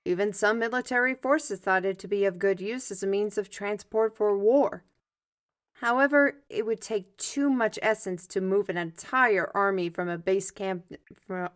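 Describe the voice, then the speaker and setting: In this ASMR fantasy roleplay, a woman voices a storytelling mentor: a vivid, theatrical mage-artist wielding an enchanted paintbrush. Her mid-range voice sits close to how she normally talks, yet her old-fashioned, formal speech is full of expression, punctuated by sighs and quiet remarks to herself.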